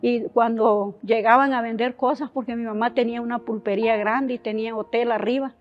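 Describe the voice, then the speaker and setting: A woman from Honduras sharing a personal testimony, telling her story in a halting, emotional way with many restarts. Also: on the high side, fairly even intonation. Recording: dull lo-fi sound with faint music.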